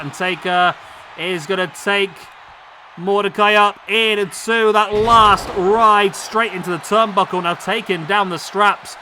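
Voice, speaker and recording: Calling a simulated wrestling match play by play, this male gaming YouTuber bursts into excited exclamations. His voice sits high and is hoarse, as though he's losing it. Background noise is clearly audible beneath him.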